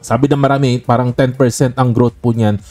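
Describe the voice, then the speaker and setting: A man's voice: medium pitch, flat delivery, brisk, darkish tone, faint music behind. A man hosting an investing channel, talking casually to camera with a frequent tag question and English phrases mixed in. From Philippines.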